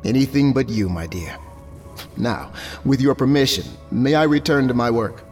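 A man playing a stoic, devoted god of fertility and loving husband in an audio drama, speaking in an earnest, measured way. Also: mid-range voice, faint music behind, close to an everyday voice. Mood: tender.

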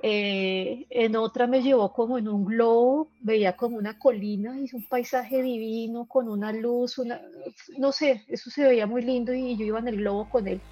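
A woman's voice: on the high side, steady tone, mellow, dry recording, low-quality recording. A woman, telling personal experiences in a casual interview, earnest and emotional. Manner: earnest, emotional, halting storytelling. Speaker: guest sharing personal experiences.

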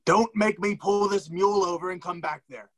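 A man's voice: high voice, fairly even intonation, moderate pace. A man playing an earnest questing hero who speaks in mock-formal tones that slip into plain talk. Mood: exasperated.

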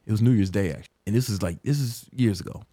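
Man in his 30s, lowish voice, dry close sound, casual profane book talk, animated storyteller. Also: rapid-fire, husky, dry recording. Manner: profane, loose and streetwise; animated storyteller who laughs at himself. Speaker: host ranking business books.

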